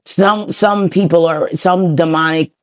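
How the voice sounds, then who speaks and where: A woman hosting an interview, playful and quick to push back in a sit-down chat. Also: on the low side, fairly even intonation. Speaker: interview host. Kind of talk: unfiltered sit-down conversation.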